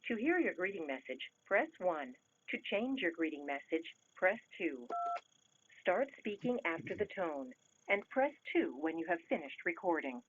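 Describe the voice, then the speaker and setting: A woman's recorded voicemail prompts giving measured, clipped instructions, heard over a landline phone. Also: lowish voice, big pitch swings. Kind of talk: recorded system announcements. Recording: muffled phone line, faint hiss.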